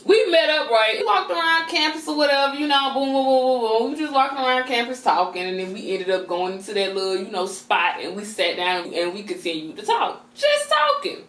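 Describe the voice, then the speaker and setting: High-pitched female mukbang vlogger, slangy and conversational, talking with mouth full in an echoey room. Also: sing-song, fairly quick, few pauses, fairly bright tone, far from the mic. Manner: talks with mouth full while eating. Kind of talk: casual storytime chat.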